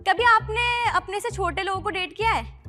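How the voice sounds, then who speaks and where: A woman's voice: very high voice, normal speed, bright, forceful tone, long reverb tail, soft background music. A woman doing a nervous, rambling, flirty stand-up set on a comedy show stage.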